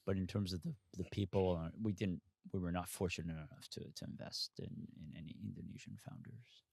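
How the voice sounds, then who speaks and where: An investor from Hong Kong is a guest in a relaxed interview conversation, his low voice gravelly and husky, fairly quick, and recorded dry and close with no room sound. He speaks candidly, circling his points with asides and restarts.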